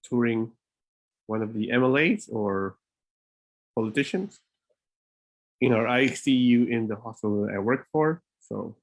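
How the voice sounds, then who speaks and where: Hosting a live webinar as an immigration consultant, this man talks informally into his laptop mic, slightly winded and prone to fillers and restarts. His medium-pitched voice is animated, and he speaks at a measured pace with long pauses.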